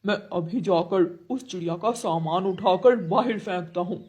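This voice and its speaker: Brief: a bossy, eager male crow for a kids' cartoon, put on by a woman, loud and blustering. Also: on the low side, normal speed, slightly rough, pitched below the performer's own voice.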